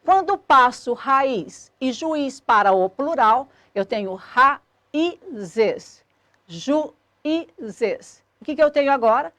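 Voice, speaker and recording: A woman, explaining a grammar lesson clearly and methodically as a teacher. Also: sits high, lively intonation, moderate pace, hardly any pauses, fairly bright tone, no room sound.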